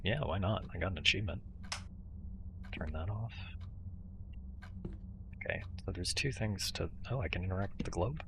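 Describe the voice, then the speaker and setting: A man's voice: deep voice, expressive, quick pace, gravelly, few pauses, background noise. A man giving casual horror game commentary, muttering asides to himself as he plays. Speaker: video game streamer.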